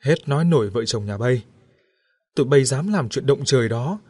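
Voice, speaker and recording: A man's voice: mid-range voice, animated, fairly quick, darkish tone, husky, no echo. A man voicing a stern older villager who scolds and gives orders. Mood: scolding.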